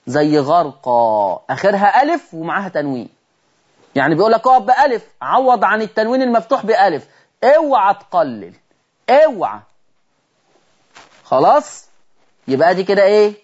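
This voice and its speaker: A man with an Egyptian accent teaching Quran recitation on a televised lesson, animated and often asking his listeners rhetorical questions. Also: high voice, dull audio. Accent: Egyptian Arabic.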